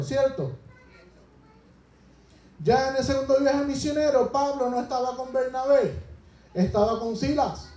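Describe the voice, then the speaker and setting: A man's voice: very high voice, mellow, reverberant, low-quality recording. A man preaching a sermon to his congregation, asking them rhetorical questions and retelling scripture as a story.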